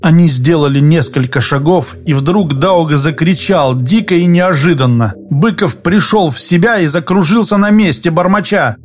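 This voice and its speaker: A man reading a novel aloud as narrator, in an even, measured storytelling voice. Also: a little high. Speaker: audiobook reader. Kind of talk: scripted narration. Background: faint music.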